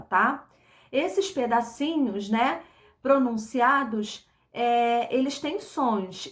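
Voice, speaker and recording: A Brazilian woman teacher with a fairly high voice and a Brazilian Portuguese accent leads a recorded online class for children. She's slow and patient, repeating words and syllables and often using tag questions.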